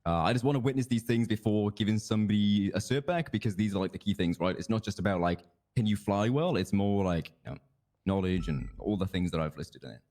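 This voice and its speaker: A man's voice: on the low side, quick pace, darkish tone. A man explaining procedures in an in-character police roleplay chat, easygoing and happy to delegate. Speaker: police roleplay streamer briefing a trainer.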